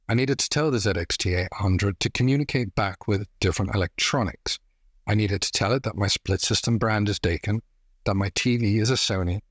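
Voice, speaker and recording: Man in his thirties, low voice, close dry mic, measured tech-explainer read with dry humor. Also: no echo. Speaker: tech reviewer host. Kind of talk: scripted explainer. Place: home room, indoors.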